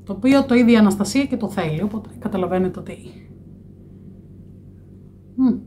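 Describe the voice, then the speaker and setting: A woman's voice: medium pitch, animated, warm tone. A woman in her thirties talks straight to a nearby camera in a small room, walking through products with an easy, chatty flow. She often stops on a filler "e" before brand names. A faint hiss sits under her voice. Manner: chatty, fills pauses with "e". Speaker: vlogger. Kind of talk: product review vlog. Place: small room indoors by a window.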